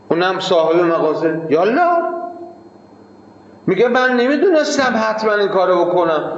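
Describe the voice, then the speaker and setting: A man's voice: high voice, echoey room, lo-fi sound. A man teaching students in an informal lecture, arguing his point and firing rhetorical questions at the listeners. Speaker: seminary teacher.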